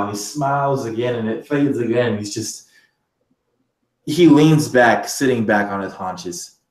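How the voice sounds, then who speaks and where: A man's voice: mid-range voice, reverberant, far from the mic, rough recording. A man narrating as game master of a tabletop game, with vivid, theatrical description.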